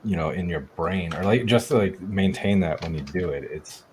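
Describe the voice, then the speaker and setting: A man with a low, deep voice talks casually as co-host, stopping and restarting, leaning on fillers. Faint noise hums underneath. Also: a little mellow. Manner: halting, restarts, heavy use of "like". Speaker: podcast co-host. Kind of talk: casual chat.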